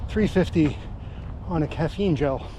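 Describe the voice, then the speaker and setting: A man with a slightly high voice talks slowly and casually while out on a run. He rambles in a laid-back vlog style. Clear outdoor and car noise sits around his voice. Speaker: running vlogger.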